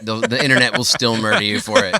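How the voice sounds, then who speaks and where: A man's voice: mid-range voice, big pitch swings, fast, a crowd in the background. A man, co-hosting a podcast as a rambling, joking storyteller who swears freely. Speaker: podcast co-host. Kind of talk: casual chat.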